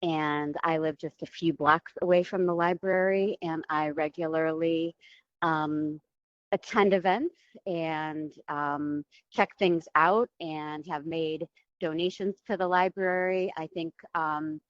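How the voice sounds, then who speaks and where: A woman's voice: low voice, fairly even intonation, slow, no room sound. A woman heard over a phone speaker, calling in from an airport, answering interview questions hesitantly with many ums. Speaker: library board candidate. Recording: muffled lo-fi call audio.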